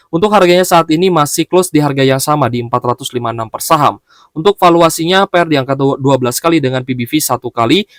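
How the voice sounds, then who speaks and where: A man giving stock market analysis in a steady explanatory way, often stopping on fillers and short pauses. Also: medium pitch, no echo, studio quality.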